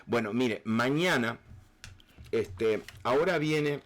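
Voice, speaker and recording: A man preaching, at a middle pitch for a man. He tells a personal story in a loose, rambling way, stumbling over restarts and fillers as he goes. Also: slow. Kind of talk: sermon storytelling.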